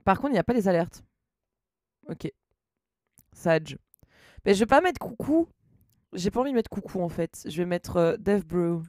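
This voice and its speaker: A woman's voice: fairly low pitch, lively intonation, moderate pace, long pauses, a little mellow, no echo, clean studio sound. A woman streaming live, chatting casually and reading her chat aloud, laughing often.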